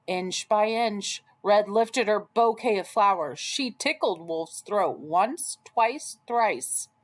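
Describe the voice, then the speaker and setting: Narrating a children's story, this storyteller uses a lively read-aloud style with big, animated pitch swings. She takes her time with every phrase.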